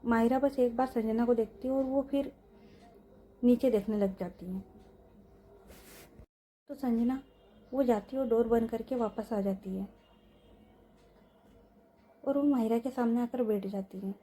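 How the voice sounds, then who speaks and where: Husky, mellow young woman storyteller. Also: fairly high pitch, measured pace, pauses often. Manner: chatty, talks to listeners with asides. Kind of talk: casual story narration.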